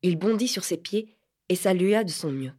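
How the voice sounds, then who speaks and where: A woman's voice: on the low side, husky. Woman narrating a literary audiobook. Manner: measured, expressive reading.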